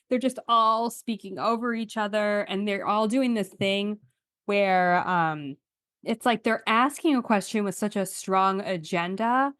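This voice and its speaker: A woman co-hosting a chatty podcast, animated and quick to laugh, with teasing, mocking asides. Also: medium pitch, dry recording, clean studio sound. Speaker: podcast co-host. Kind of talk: casual chat.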